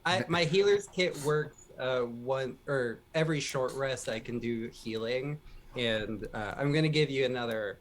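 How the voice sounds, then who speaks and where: A man's voice: mid-range voice, unhurried. A man chatting casually as a player in a tabletop game.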